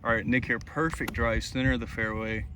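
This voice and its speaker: A man's voice: medium pitch, steady tone, brisk. A young man caddying on a golf course, giving upbeat casual commentary to viewers. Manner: chatty, upbeat, addresses viewers. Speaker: caddie. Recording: outdoor wind and background noise.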